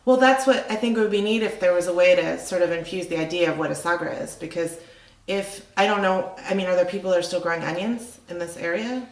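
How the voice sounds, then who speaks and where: A middle-aged woman with a slightly low voice chats casually about her restaurant, rambling along with plenty of ums and you knows. The room around her is echoey. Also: fast talker. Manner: chatty, rambling, lots of fillers. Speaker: restaurant owner. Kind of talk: casual interview conversation.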